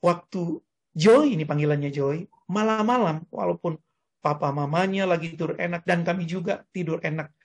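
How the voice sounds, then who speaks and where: An older man, a grandfather, preaching a lively sermon on a video call and having listeners repeat after him. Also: fairly high pitch, moderate pace. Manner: animated, calls congregation to repeat words. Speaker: pastor.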